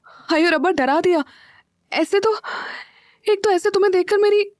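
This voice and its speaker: A woman's voice: mid-range voice, normal speed, darkish tone, no room sound, studio quality, close to an everyday voice. A woman voicing a shy, playful young wife who teases and gets flustered easily. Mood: startled. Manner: teasing, flustered.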